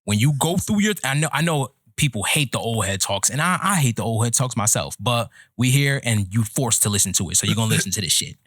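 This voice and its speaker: Brief: man, 30s, podcast host, mid pitch, dry close sound, opinionated and lecturing. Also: lively intonation, fairly bright tone, dry recording. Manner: opinionated, lecturing, slow deliberate delivery. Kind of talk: casual podcast chat.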